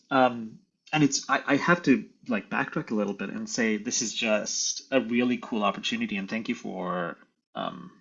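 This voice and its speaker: A tenor from Sri Lanka, speaking in a casual conversation, thoughtful and hesitant with many restarts. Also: male voice, lowish voice, creaky, fairly bright tone, husky, lo-fi sound. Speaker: guest tenor.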